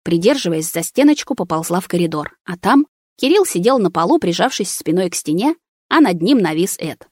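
A woman's voice: on the low side, big pitch swings, fairly quick, a little mellow, no room sound, studio quality. A woman narrating a first-person story aloud in a tense, dramatic way. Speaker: audiobook narrator.

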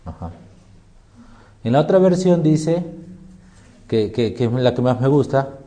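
A man's voice: medium pitch, lively intonation, a little slow, dark tone, a little hiss or hum. A man preaching a sermon, emphatic, firing rhetorical questions and answering them himself.

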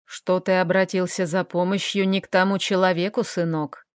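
Woman reading a low sneering kidnapper man. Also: little pitch movement, normal speed, smooth, no room sound, studio quality, close to an everyday voice. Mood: menacing calm. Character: menacing calm middle-aged man, mocking kidnapper.

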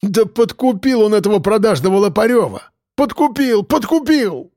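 A man voicing a grieving middle-aged father who is bitter and vengeful, talking hoarsely in tearful outbursts. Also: lively intonation, a little slow, darkish tone, no echo, studio quality. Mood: frantic. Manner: hoarse, swings from muttering to shrill outbursts.

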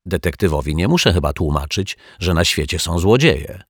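A man's voice: low voice, expressive, normal speed, slightly rough, dry recording, studio quality. A man voicing a blunt, practical elderly caretaker in a children's storybook reading. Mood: matter-of-fact.

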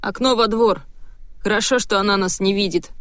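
A woman reading an audiobook, voicing a nervous middle-aged husband who keeps breaking into agitated, shrill outbursts. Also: normal speed, fairly bright tone, no echo, studio quality, close to an everyday voice. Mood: tense.

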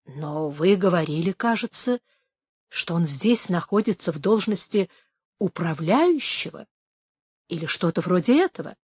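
A woman voicing an anxious, secretive old male duke who speaks low and cautiously, in a storybook reading. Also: lively intonation, measured pace, a little mellow, husky, dry recording, studio quality.

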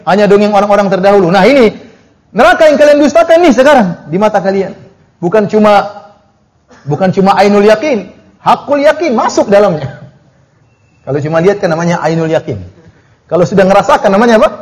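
Male preacher, higher register, animated exegesis with recited verses. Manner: animated, mocking asides, slow chanted Arabic recitations. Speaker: Islamic preacher. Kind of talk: Quran exegesis lecture.

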